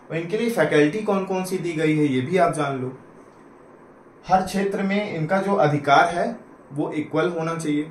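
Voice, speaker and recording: A man's voice: fairly high pitch, reverberant, a little hiss or hum, rough recording. A man from Uttar Pradesh, India, giving a casual exam-prep lecture who explains things step by step and keeps checking in with "right?" and "okay?". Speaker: teacher-exam coach.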